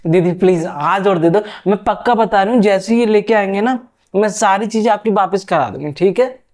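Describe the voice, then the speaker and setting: A man's voice: high voice, moderate pace, darkish tone, close to an everyday voice. A man voicing a pushy middle-aged female neighbor who keeps borrowing things, in a wheedling, sugary tone.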